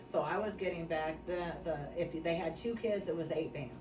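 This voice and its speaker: A woman's voice: fairly low pitch, normal speed, roomy sound, distant mic, rough recording. A woman guest telling her own story in a casual chat, speaking frankly and laughing often.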